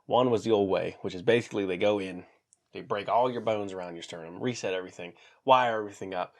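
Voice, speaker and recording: A man in his thirties telling a personal story to camera in a casual, animated way, acting out what people said. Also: fast talker. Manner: animated, acts out quotes with big pitch jumps. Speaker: vlogger.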